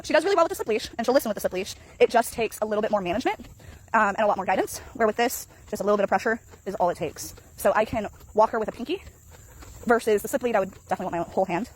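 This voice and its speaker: A woman dog trainer walking a dog in an outdoor park, explaining calmly and praising the dog in high sing-song bursts. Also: slight background noise. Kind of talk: casual vlog narration while training a dog. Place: outdoor park path near geese.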